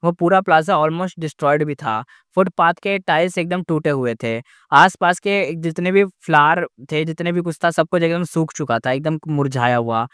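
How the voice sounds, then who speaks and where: Male recap narrator, rambling and casual, slightly high and smooth, close dry mic. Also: moderate pace, few pauses, fairly bright tone, no room sound. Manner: rambling, with frequent fillers and self-corrections.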